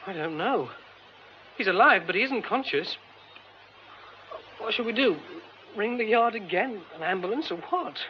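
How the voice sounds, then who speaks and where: In a radio drama, a male actor with a high, animated voice plays a well-spoken, polite theatre man who is anxious, tense and shaken. He speaks at a moderate pace with frequent pauses, urgent and agitated, turning hesitant when shocked, on a dull recording with clear noise.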